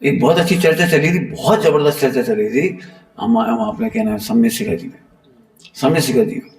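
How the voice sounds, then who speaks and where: A man giving a Jain sermon to a seated audience, animated and playful, teasing his listeners now and then. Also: a little high, brisk, vocal fry. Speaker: Jain preacher. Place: temple hall. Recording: echoey hall, mic far off.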